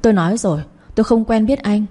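A woman's voice: medium pitch, fast talker, dark tone, close to an everyday voice. A woman reading the lines of a guarded middle-aged mother who answers curtly and defensively in an audio story. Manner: curt, defensive.

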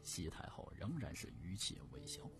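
A man narrating a traditional story in a dramatic way, often dropping to hushed asides, on a radio broadcast. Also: sits low, big pitch swings, normal speed. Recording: radio broadcast with music bed.

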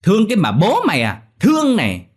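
A man's voice: on the low side, very animated, normal speed, breathy edge. A man voicing a cruel, greedy female moneylender who screeches and curses in a storybook tale. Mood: shrieking. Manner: screeching, cursing, scornful.

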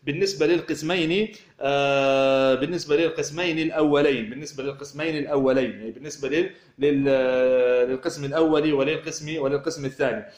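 A man's voice: medium pitch, steady tone, fast talker, a little mellow, reverberant. A man teaching an Arabic grammar lesson, who explains step by step, poses questions to himself and answers them, and often restarts his sentences.

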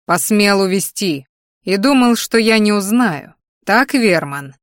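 A woman reading an audiobook, voicing a furious male ship captain who yells frantically. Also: mid-range voice, expressive, a little slow, dry recording, studio quality, close to an everyday voice. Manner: yelling, frantic.

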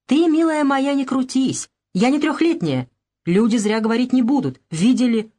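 A woman voicing an older peasant mother who scolds her daughter in shrill, tearful reproaches, in an audiobook. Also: animated, moderate pace, mellow. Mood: scolding. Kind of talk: audiobook character voice.

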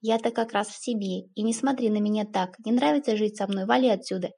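A drunk, self-pitying father in his middle years, as a woman narrator acts him out, whining and loud with a gravelly, husky, dark edge to the voice. He is a storybook figure who keeps lurching from anger to remorse. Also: mid-range voice, fast. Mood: angry. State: drunk and hysterical.

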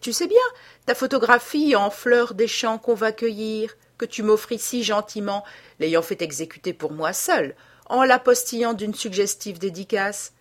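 A woman's voice: mid-range voice, measured pace, close to an everyday voice. Mocking cadaverous scoundrel for a storybook reading, voiced by a woman, overly familiar, taunting. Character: sinister corpse-like male blackmailer, mocking.

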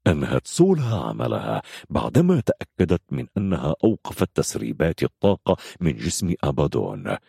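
A man narrating a story in an expressive, dramatic reading style. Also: extremely low pitch, vocal fry, breathy edge, no echo, clean studio sound.

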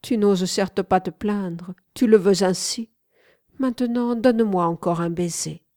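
A woman voicing a haughty, commanding young woman in an audiobook, imperious and teasing, with sharp commands. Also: mid-range voice, a little slow, dry recording, clean studio sound, close to an everyday voice. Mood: cruel. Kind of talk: audiobook reading.

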